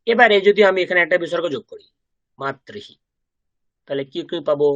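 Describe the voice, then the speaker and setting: A man teaching a Sanskrit class. He asks the learners questions, then says each pronunciation slowly and repeats it several times. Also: sits high, animated, a bit bright, lo-fi sound. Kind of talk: language class lesson.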